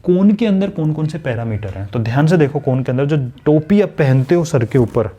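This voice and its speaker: A man's voice: a little high, lively intonation, fairly quick, mellow, lo-fi sound. A man teaching a maths lesson in a chatty way, talking straight to his students and acting out their questions. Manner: conversational, addresses students directly, voices their questions. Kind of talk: classroom lesson explanation.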